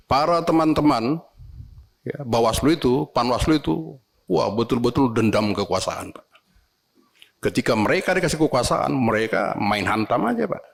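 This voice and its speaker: A man, a legislator, making animated, complaining remarks to election officials at a parliamentary hearing, often ending phrases with a respectful "sir". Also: a little high, creaky, husky.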